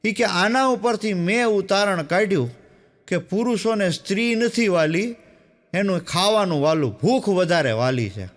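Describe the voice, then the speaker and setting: A stand-up comedian with a Saurashtra-dialect Gujarati accent tells jokes in a high, lively voice at a moderate pace. He works in storytelling mode, acting out and quoting the dialogue of the characters in his tales.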